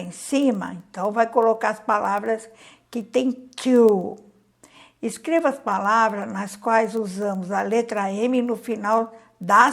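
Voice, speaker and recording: With a medium-pitched voice and vocal fry, a Brazilian primary school teacher reads out a worksheet for young pupils and explains it. Her accent is Brazilian Portuguese, and she patiently counts aloud while asking them questions.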